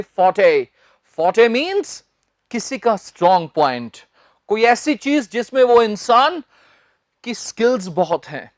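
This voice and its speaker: Lady teaching english words, slow careful talk, dry close mic. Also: on the high side, dry recording. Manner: deliberate, spells words out and repeats corrections. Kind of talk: spoken English lesson.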